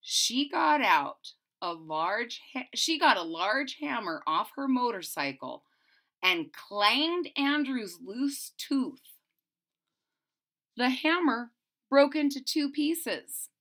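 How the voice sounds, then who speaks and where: A middle-aged woman performs a children's story read-aloud at home in a small room, dramatic and emphatic, lingering on important words. She speaks a bit high, in a pushed, bright voice.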